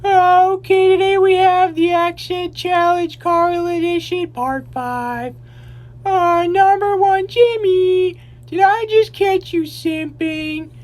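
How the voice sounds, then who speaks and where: Timid cartoon boy, extremely high pitch, nasal, whiny, slow halting pace, dorky, comic impression. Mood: earnest, dorky. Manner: halting, numbered delivery with drawn-out words. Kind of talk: comic impression challenge, short catchphrases.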